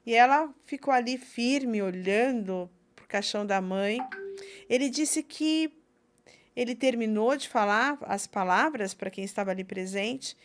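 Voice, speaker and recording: Woman host with a fairly high voice, an animated storyteller. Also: measured pace. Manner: animated storyteller acting out quoted speech. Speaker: podcast host. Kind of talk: casual chat, storytelling.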